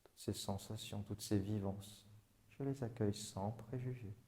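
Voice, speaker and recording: Calm low-voiced man guiding relaxation. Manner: slow, calm instructions in first person. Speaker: relaxation guide. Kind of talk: guided body-awareness exercise.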